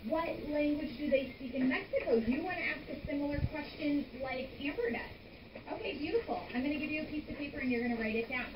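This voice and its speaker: High-voiced encouraging teacher, echoey classroom. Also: female voice, expressive, quick pace, dull audio. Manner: patient, encouraging, prompting questions. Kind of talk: classroom instruction to young students. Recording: echoey classroom from far off, noisy.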